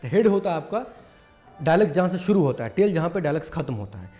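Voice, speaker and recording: A man's voice: on the high side, sing-song, quick pace, dark tone, soft background music. A man casually teaching mimicry, explaining step by step with lots of fillers. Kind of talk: casual tutorial talk.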